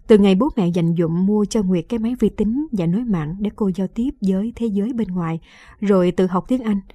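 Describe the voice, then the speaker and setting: A woman reading a late-night radio story in a calm, measured narration. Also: medium pitch, slightly rough, no room sound, clean studio sound.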